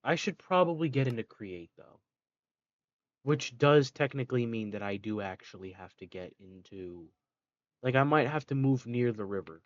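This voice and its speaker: A man's voice: mid-range voice, animated, normal speed, no room sound. Guy chatting over his game, keeps restarting his sentences, sarcastic, kinda lo-fi dry mic. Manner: rambling, self-correcting, sarcastic asides. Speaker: let's play gamer. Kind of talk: casual gameplay commentary.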